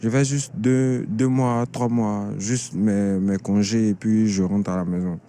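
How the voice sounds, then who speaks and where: A man's voice: lowish voice, steady tone, unhurried, mellow, slight background noise. A man in his thirties interviewed on the street, talking animatedly and often repeating himself. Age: 30s. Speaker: passer-by interviewed. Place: outdoors on a city street.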